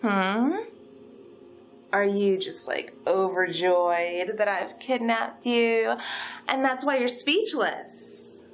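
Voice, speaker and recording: Woman as obsessive supernatural yandere kidnapper for audio role-play: high, slow delivery, sugary and controlling, unhinged menace throughout. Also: slight background noise. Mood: giddy, obsessive. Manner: unhinged sweet menace, gushing then threatening. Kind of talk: dramatic second-person role-play monologue.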